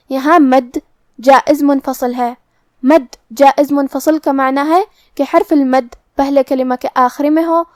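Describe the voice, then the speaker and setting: Woman doing a recitation lesson, high clear voice, slow careful explaining, super dry sound. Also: a little mellow, no echo. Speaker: Quran recitation teacher.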